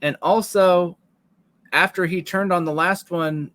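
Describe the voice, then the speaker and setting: A man's voice: high voice, fairly even intonation, measured pace, a bit bright, no room sound. A man narrating as game master of a tabletop game, casual and thinking aloud.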